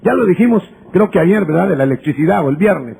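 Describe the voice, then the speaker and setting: A man preaching in a husky, fairly high voice. He is emphatic and builds at times to shouts. He acts out conversations to make his points. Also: lively intonation, fast talker, rough recording. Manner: acts out dialogues with listeners. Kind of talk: sermon.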